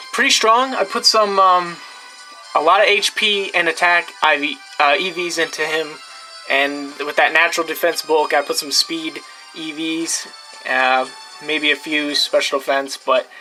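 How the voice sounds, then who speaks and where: A man's voice: fairly high pitch, bright, forceful tone, low-quality recording. A young man casually walking through his game team, rambling with many fillers and restarts. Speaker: gameplay video creator.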